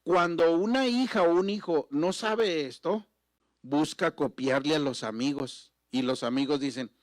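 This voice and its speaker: A middle-aged man from Mexico, preaching with emotional storytelling that swings from loud exclamations to near-whispers. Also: on the high side, measured pace, no echo, clean studio sound. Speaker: pastor.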